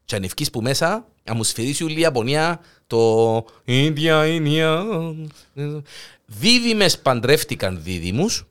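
A man's voice: a little high, sing-song, a bit bright, clean tone. A man with a Greek Cypriot accent co-hosting a show, bantering casually and teasingly over odd news in colloquial speech. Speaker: co-host of a comic news show.

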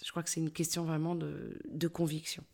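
Parisian woman, middle-aged, voice coach; animated delivery, lots of "euh" fillers, slightly low pitch. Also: brisk, vocal fry. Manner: animated, many hesitations and fillers. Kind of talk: casual interview talk.

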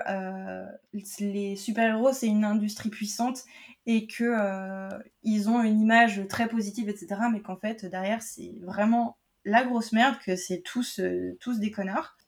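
Woman co-host recapping with many fillers. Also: medium pitch. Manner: hesitant, lots of fillers. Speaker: podcast co-host. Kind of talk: casual podcast recap.

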